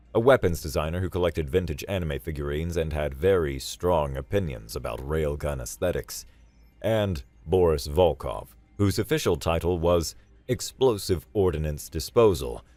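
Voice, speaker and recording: A man's voice: extremely low pitch, a little mellow, no room sound. A man narrating a sci-fi audiobook story in a dry, wry storytelling manner.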